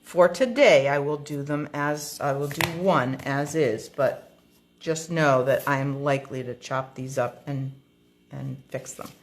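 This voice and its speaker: A woman's voice: extremely low pitch, a little slow, a little hiss or hum. A woman hosting a card-making tutorial, chatting casually through an unboxing and thinking aloud with frequent ums.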